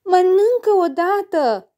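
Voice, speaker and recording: A woman's voice: very high-pitched, lively intonation, dark tone, voice pushed up. A woman voicing a mother in a children's story who urges and coaxes her child to eat. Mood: insistent. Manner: urging, coaxing. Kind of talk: storybook character voice.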